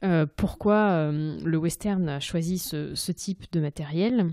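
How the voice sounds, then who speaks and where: A woman's voice: low-pitched, measured pace, mellow, no room sound. French woman hosting a podcast, eager and chatty, dry sound. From France. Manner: enthusiastic, chatty with many fillers. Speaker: podcast host. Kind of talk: podcast intro and interview. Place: home, recorded remotely.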